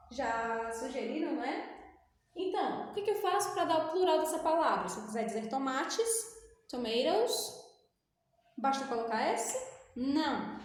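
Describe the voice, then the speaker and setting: A woman's voice: high voice, slight background noise. A Brazilian woman English teacher with a Brazilian Portuguese accent, explaining a lesson step by step and answering her own questions. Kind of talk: recorded classroom lesson for sixth graders. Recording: very echoey, reverberant room.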